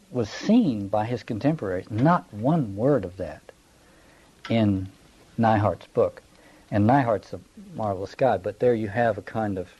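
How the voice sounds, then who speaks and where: A man lectures in a scholarly, erudite way with a soft, mellow tone. He is deliberate, often pausing and feeling for the exact phrase. The recording is slightly dull and muffled, with little top end. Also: mid-range voice, breathy edge. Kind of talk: scholarly lecture quoting from texts.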